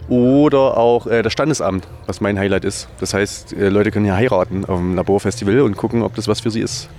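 A man answering interview questions outdoors at a festival, relaxed and dryly humorous, with many hesitations. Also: fairly low pitch, brisk, slight background noise. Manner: relaxed, dry humor, filler "ähm".

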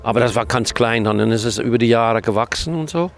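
A man's voice: mid-range voice, fast. A man from the Netherlands with a Dutch accent, chatting outdoors at a festival and telling a story, often ending sentences with a tag question. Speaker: longtime festival regular. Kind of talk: casual storytelling interview.

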